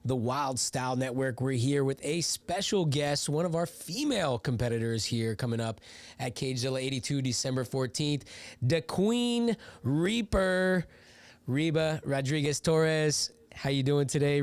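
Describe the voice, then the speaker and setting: A man's voice: mid-range voice, normal speed, no room sound. A man hosting an interview show, upbeat and enthusiastic, stumbling over his questions. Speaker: show host.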